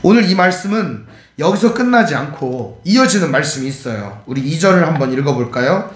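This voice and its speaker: A man's voice: on the high side, lively intonation, brisk. A middle-aged man from Chungcheong preaching as a pastor, emphatic and full of rhetorical questions to the congregation. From Cheonan, Chungcheong, South Korea. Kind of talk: sermon. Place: church sanctuary. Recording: echoey church sanctuary.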